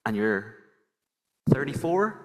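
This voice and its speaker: Moderating a panel in a large conference hall, a man frames the discussion in a polished manner yet restarts often while setting the agenda. His medium-pitched voice swings widely in pitch and moves slowly, and the recording carries long hall reverb.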